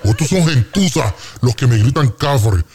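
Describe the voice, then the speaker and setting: Puerto Rican man, tall-tale radio comic, boastful and animated. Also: medium pitch, unhurried. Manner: boastful, animated, exaggerating with sound effects.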